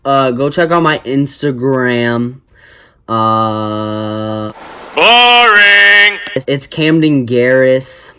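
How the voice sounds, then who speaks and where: A young man with a mid-pitched voice hosts a casual vlog. He talks slowly, in a stop-start ramble. He keeps it jokey and puts himself down as he goes. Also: fairly bright tone, clean tone. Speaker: vlogger.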